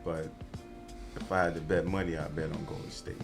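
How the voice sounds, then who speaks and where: Deep-voiced laid-back podcast co-host man. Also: flat delivery, a little fast, vocal fry, music in the background. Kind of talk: casual sports chat.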